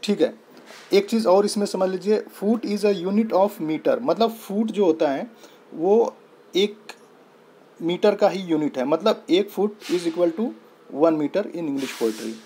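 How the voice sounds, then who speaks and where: A man's voice: high-pitched, slow, dark tone, husky. A young man with an Indian accent teaching a lesson, patient and repetitive, spelling words out letter by letter. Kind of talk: explaining lesson in Hindi-English mix.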